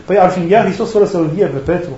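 In an echoey, dull, lo-fi room recording, a man with a high, warm voice and a slight hiss or hum preaches passionately. He fires off rhetorical questions and acts out other people's words.

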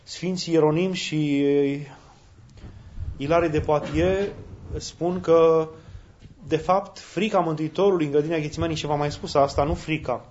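A man's voice: a little high, fairly even intonation, darkish tone, a little hiss or hum. A man preaching a sermon in a conversational, storytelling way, speaking directly to his listeners and bursting into emphatic peaks. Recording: slightly dull lo-fi recording.

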